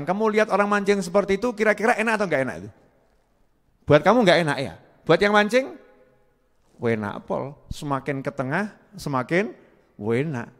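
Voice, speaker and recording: A man's voice: sits high, a bit bright, big-room sound. A man preaching a sermon, asking the crowd questions and answering them himself, repeating key words and chanting Arabic phrases.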